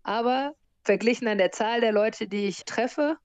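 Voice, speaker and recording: A woman in her forties, born in America and raised in Germany, talking about her life abroad in a relaxed interview and laughing now and then. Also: a little high, moderate pace, clear, resonant tone, no room sound. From born in the US, grew up in Germany. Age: 40s. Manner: lively, laughs often while telling stories. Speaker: interview guest, surf instructor and hostel owner.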